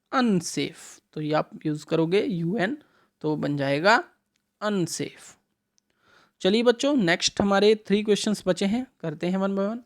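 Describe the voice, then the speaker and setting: Using a mid-range voice, a woman reviews English lessons with schoolchildren while mixing in Hindi. She asks questions and answers them herself, taking the English sentences slowly as she reads them aloud.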